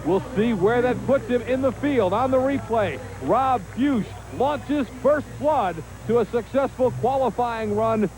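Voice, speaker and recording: A man's voice: extremely high pitch, measured pace, few pauses. A man working as a motorsport TV host, calling monster truck and tractor pull action in an emphatic, promotional announcer delivery. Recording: noisy TV audio with engine noise.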